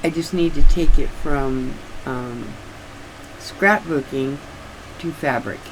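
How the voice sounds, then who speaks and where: Older woman, slow, stiff-jawed speech. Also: deep voice, background noise. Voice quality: slightly stiff, restricted articulation from not opening the mouth wide, like a sore jaw. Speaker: craft vlogger. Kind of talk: casual rambling chat.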